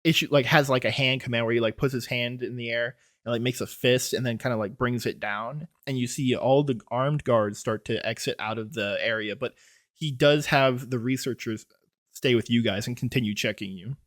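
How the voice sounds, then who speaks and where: A man's voice: mid-range voice, fairly even intonation, normal speed, a bit bright, no room sound, studio quality. A man running a tabletop horror game as game master, narrating with lots of fillers and loose, rambling phrasing. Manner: rambling, filler-heavy, chuckling.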